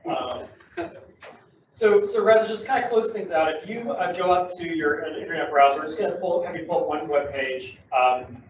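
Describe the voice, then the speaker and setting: A man's voice: on the high side, normal speed, slight background noise. A man giving a chatty, upbeat talk at a tech user-group meeting, joking as he explains. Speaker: Microsoft security presenter. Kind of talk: casual meetup talk. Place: meeting room. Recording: echoey room from far, dull mic.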